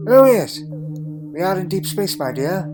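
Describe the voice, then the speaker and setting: A man's voice: high voice, very animated, measured pace. A man playing a crotchety, secretive old alien grandfather in a fan audio drama, with hesitant muttering, hums and pompous phrasing. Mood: musing, explaining. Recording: music laid under the voice.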